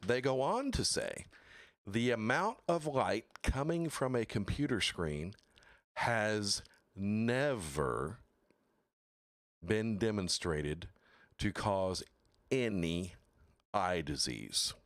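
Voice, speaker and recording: With big pitch swings and a fairly bright tone, a livestream talk show host reads quotes aloud and bluntly scoffs at product claims. He curses, talks in a slow, deliberate way, and bursts into sudden high exclaims, all in clean studio sound with no room sound.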